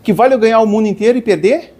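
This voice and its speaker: A man's voice: high-pitched, very fast, warm tone. A man gives a spiritual lecture to a live audience. He questions his listeners and calls them dear ones.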